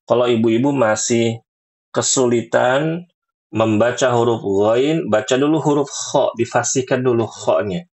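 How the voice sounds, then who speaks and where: A man teaching Quran pronunciation in a relaxed, chatty way, slowly sounding out letters again and again. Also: medium pitch. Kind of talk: relaxed teaching talk to women.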